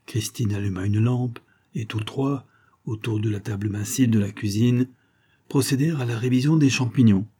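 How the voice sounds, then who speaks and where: A man calmly narrating a novel as an audiobook reader, measured and even. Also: mid-range voice, breathy edge.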